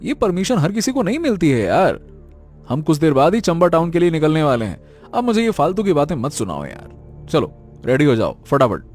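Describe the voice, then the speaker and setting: A man puts on a young would-be hotelier who is impatient and dead set on his plan, his voice pitched well above the storyteller's own. He talks briskly and with some exasperation, mixing in English words. Soft music plays underneath this audio-drama scene. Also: huge pitch swings. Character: young male hotel entrepreneur, impatient, determined.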